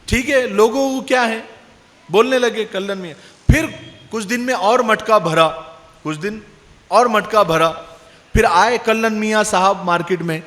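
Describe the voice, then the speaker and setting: A male Islamic preacher from Pune tells a sermon story in a lively way and quizzes his audience. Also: high-pitched. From Pune, India. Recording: long hall reverb.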